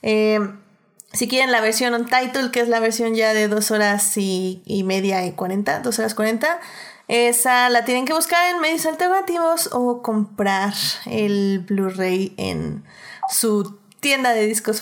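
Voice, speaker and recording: Casting note: upbeat female podcast host, a bit high in pitch, loose and chatty, laughs easily. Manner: chatty, laughs often, many fillers. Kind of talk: casual chat.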